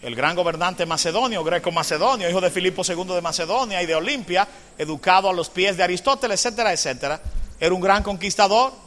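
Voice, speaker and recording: A man preaches to his congregation in a high, bright voice. He drops to hushed asides, then rises into loud, slow proclamations and puts questions to the listeners. His voice rings with the long reverb of a church hall. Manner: asks the congregation rhetorical questions. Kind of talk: sermon.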